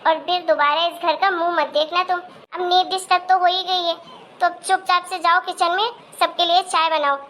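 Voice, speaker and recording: In this homemade family drama, a woman plays a scheming young daughter-in-law with a very high, piercing voice. She is bossy and sneering, and turns sugary when it suits her. A faint hiss runs underneath. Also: level tone, normal speed, pushed and bright. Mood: threatening. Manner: sneering and bossy, turns sweet and whiny before her husband. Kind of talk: amateur Hindi family-drama acting.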